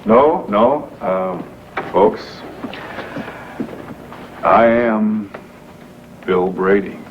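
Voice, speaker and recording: An actor playing a wealthy young man who has posed as a factory worker, explaining himself earnestly with halting fillers, in 1980s daytime soap acting heard from a worn VHS tape copy. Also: fairly low pitch. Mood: confessing. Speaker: businessman explaining a masquerade. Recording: muffled hissy worn videotape of a TV broadcast.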